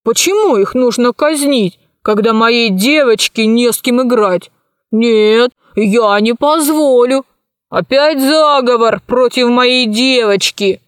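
A woman's voice: on the high side, slow, clear, resonant tone, no room sound, studio quality. A woman voicing a fussy, blustering fat man who dotes on his daughter, in an audiobook. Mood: indignant. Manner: blustering, indignant. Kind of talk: audiobook character voice.

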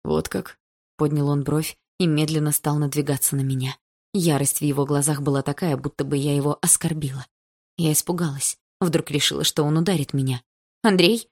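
A woman reading a first-person audiobook in a measured, subdued manner. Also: low voice, little pitch movement, a little mellow. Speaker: audiobook narrator. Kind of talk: first-person scripted narration.

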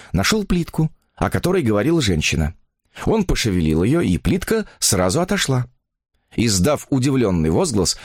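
A man reading a story aloud as narrator in an expressive, dramatic way. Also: medium pitch, no echo, clean studio sound. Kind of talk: audiobook reading.

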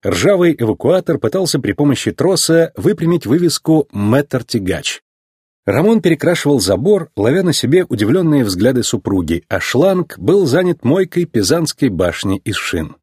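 A man narrating a children's storybook in a lively, expressive way. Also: fairly high pitch, moderate pace, few pauses, breathy edge, no echo, studio quality. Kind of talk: storybook reading.

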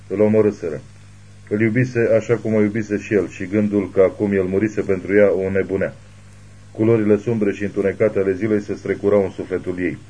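A man narrating a thriller audiobook in a steady, grave reading. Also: lowish voice, slightly rough, lo-fi sound.

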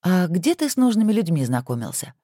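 A reader voicing a sharp-tongued young wife who teases her husband in mock-stern tones, in a storybook reading. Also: medium pitch, big pitch swings, moderate pace, dry recording, clean studio sound, pitched above the performer's own voice.

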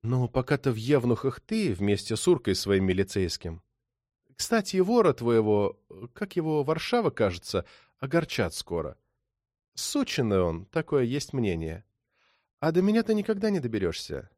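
A man voicing a mysterious caller who taunts politely in a soft, hushed way. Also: lowish voice, very animated, normal speed, no room sound, clean studio sound. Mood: taunting. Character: mocking mysterious male caller, coolly menacing.

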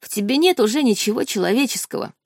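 A woman's voice: a little high, animated, fast talker, no echo, studio quality. A woman voicing an angry young nobleman who turns on his sister with spite and scorn, in a read-aloud story. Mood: furious. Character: furious young nobleman, hateful, menacing brother.

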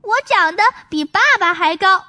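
Storybook gullible little boy played by a woman reader, eager, high bright voice. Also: normal speed, full character voice. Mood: childish. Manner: eager, childish pleading.

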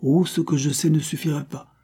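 A man's voice: a little high, steady tone, a little fast, dark tone, breathy edge, pitched above the performer's own voice. A man voicing a shrewd, self-important police sergeant who keeps his clues to himself, in an audiobook. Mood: confiding. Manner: secretive and knowing.

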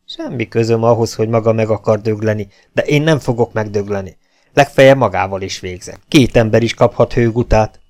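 A man's voice: lowish voice, darkish tone, lightly acted. A man reading an audiobook who voices a stern, principled male baron serving as a legionnaire, speaking firmly and commandingly. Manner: commanding, firm, raised voice. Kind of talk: audiobook character voice.

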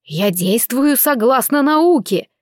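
A woman's voice: on the high side, moderate pace, a little mellow, dry recording, natural voice. Male scientist, restrained and dry, read by a woman narrator; audiobook.

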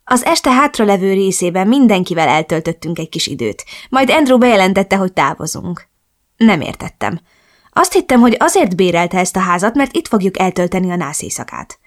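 A woman reading a romance novel aloud as a first-person narrator, in a soft, intimate way. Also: mid-range voice, expressive. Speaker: audiobook narrator.

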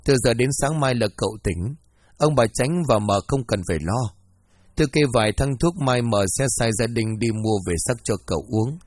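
A man voicing an older village healer who speaks calmly and reassuringly in a horror story. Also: medium pitch, normal speed, lightly acted. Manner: calm, reassuring.

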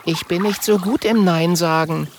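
A man voicing a clever, prim young girl in a storybook reading, high-pitched and knowing. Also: normal speed, slight background noise. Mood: reproachful.

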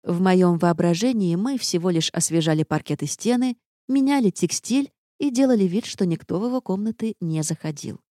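A woman reading a first-person audiobook with lively, ironic storytelling. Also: on the low side, normal speed, no echo, clean studio sound. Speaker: audiobook narrator.

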